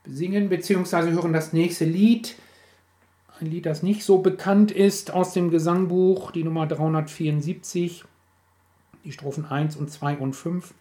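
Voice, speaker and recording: A pastor giving a sermon in a slow, reflective and solemn manner. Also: male voice, a little high, steady tone, mellow, reverberant.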